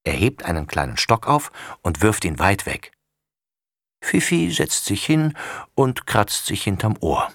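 A man reading a children's story aloud with lively, expressive narration. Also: fairly low pitch, unhurried, vocal fry, no room sound, studio quality.

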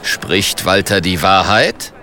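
A man's voice: low-pitched, takes it slowly, sharp tone, slight background noise, voice pushed down, heavily acted. A man voicing a bearded, stately castle lord in a children's storybook, proclaiming solemnly and formally.

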